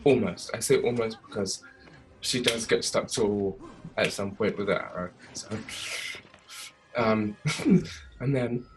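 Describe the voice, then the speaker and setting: A man's voice: lowish voice, measured pace, long pauses, over music. Chatty young man recapping a show. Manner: chatty, laughs often, animated. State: tired. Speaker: host recapping a TV episode. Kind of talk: casual recap vlog.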